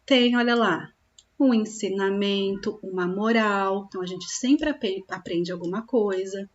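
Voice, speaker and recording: A woman teaching young children, slowly drawing out syllables and often checking in with them. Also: mid-range voice, dull audio. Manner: slow, drawn-out sounding of syllables, with frequent check-in questions. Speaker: primary school teacher. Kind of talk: recorded classroom lesson for young children.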